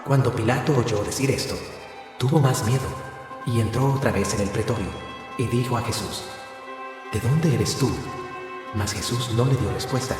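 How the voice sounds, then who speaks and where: A man, a pastor, reading scripture aloud with steady, expressive narration. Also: medium pitch, normal speed. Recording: reverberant hall with music behind.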